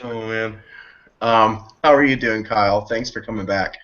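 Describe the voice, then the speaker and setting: A man's voice: on the low side, fairly even intonation, normal speed, a bit bright. A man hosting a casual sports podcast, teasing his guests and laughing often. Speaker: podcast host. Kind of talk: casual chat. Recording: muffled lo-fi call audio.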